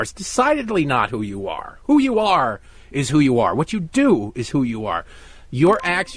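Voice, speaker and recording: A middle-aged American man filling in as a talk radio host, delivering an opinionated monologue with sarcastic, mocking asides. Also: fairly high pitch.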